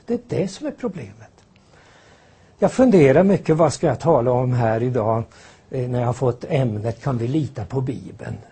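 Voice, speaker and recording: An older man preaching a sermon in a lively, conversational way, full of rhetorical questions and folksy asides. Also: mid-range voice, slightly rough.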